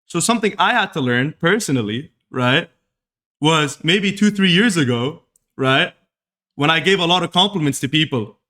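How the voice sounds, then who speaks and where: A young man from Saudi Arabia talks to his live stream chat in a casual, earnest way. He circles back and repeats himself as he reflects. His voice sits slightly high for a man. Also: sharp tone. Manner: earnest, repetitive, self-reflective. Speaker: streamer hosting a podcast.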